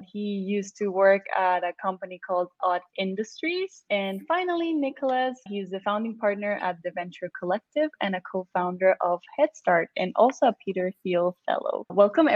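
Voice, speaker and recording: A woman moderating a panel, introducing guests and asking questions in a friendly, slightly halting way. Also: medium pitch, dry recording. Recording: dull dry lo-fi mic.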